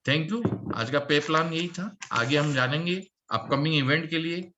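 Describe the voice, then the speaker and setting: A man presenting a work-from-home opportunity meeting, speaking in an upbeat salesman's pitch with emphatic repetition and calling for applause. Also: lively intonation, a little slow, sharp tone, highs cut off, slight background noise.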